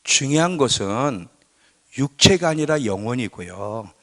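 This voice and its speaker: A man's voice: medium pitch, animated, a little slow. A male pastor preaching a sermon in a conversational way, often putting questions to his congregation. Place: church sanctuary. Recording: church hall with long reverb.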